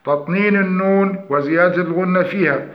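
A man's voice: high voice, a little fast. A man teaching Quran recitation, explaining pronunciation errors and demonstrating the correct forms. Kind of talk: tajweed lesson. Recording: echoey dull lo-fi room.

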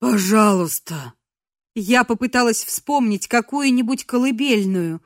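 Woman narrator, first-person audiobook read, steady, dry and close. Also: on the high side, a little slow, dry recording.

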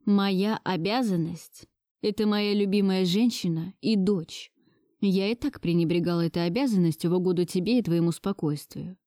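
A woman's voice: on the low side, normal speed, warm tone, no echo, clean studio sound, natural voice. A woman voicing a defiant young man who bitterly stands up to his grandmother. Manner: bitter, resolute outbursts. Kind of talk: audiobook dialogue reading.

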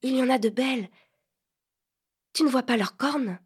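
A woman's voice: sits high, breathy edge, voice pushed up. A woman reading an audiobook, voicing a proud, impatient fifteen-year-old girl who snaps and bosses. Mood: eager. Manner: sharp, quick, bossy. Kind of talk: audiobook character voice.

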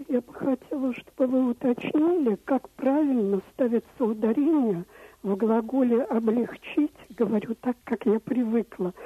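A woman's voice: fairly high pitch, breathy edge, dry recording. A woman calling in by phone to a radio show, chatty and a bit ironic. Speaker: caller. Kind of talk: phone-in question. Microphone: telephone. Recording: tinny phone line.

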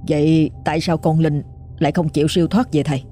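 A woman's voice: low voice, steady tone, quick pace, warm tone, faint music behind, close to an everyday voice. A woman voicing a shaken husband and father who asks a trembling question in a ghost story audiobook.

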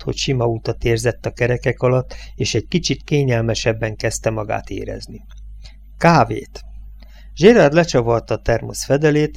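A man narrating a novel as an audiobook, reading in a measured, steady way. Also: mid-range voice, gravelly. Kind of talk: scripted narration.

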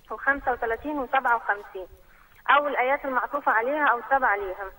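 Rapid bright woman caller over the phone. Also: high voice. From Saudi Arabia. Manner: rapid, reads out verse numbers and quotes in one long run. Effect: heard over a phone line. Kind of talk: phone-in question to a religious program.

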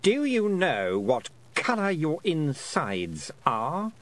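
A man's voice: fairly high pitch, huge pitch swings, slow, voice pushed up, exaggerated voice. A man voicing a tall, cruel fairy queen who threatens pleasantly and coldly in an audiobook. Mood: sweetly cruel.

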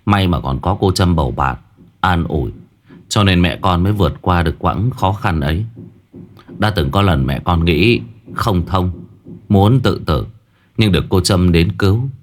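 Give me a man doing an earnest, respectful young man with a deep voice, for a spoken story. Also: animated, normal speed.

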